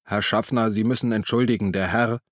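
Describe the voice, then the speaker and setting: A man doing a calm, chiding friend. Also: lowish voice, brisk, no room sound, clean studio sound, close to an everyday voice.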